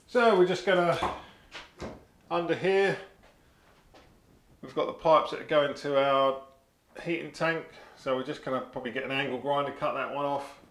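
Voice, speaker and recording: A middle-aged man chatting casually as he works, talking through a DIY job in a small tiled bathroom. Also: on the high side. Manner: chatty, practical, thinks aloud with fillers. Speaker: DIY vlogger. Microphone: action camera. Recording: echoey tiled room, faint noise.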